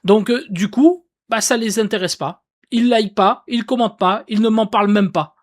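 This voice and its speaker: A woman's voice: mid-range voice, moderate pace. A woman giving a casual explainer about AI, talking emphatically and directly to viewers with lots of fillers. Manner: emphatic, animated with fillers like "du coup" and "bah"; addresses viewers directly and informally. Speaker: AI content creator.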